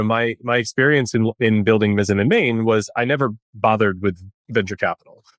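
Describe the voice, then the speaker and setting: A man with a somewhat low-pitched voice talks like a tech-bro entrepreneur, casual and candid, leaning on venture jargon. He sounds like an interviewed founder telling stories from the business, in a very dry recording with no room sound. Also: no room sound.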